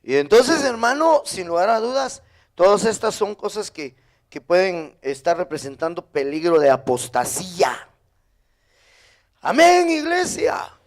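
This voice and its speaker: A Guatemalan man preaching a sermon as pastor, lively, with sudden high emphatic bursts. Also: moderate pace. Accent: Guatemalan Spanish.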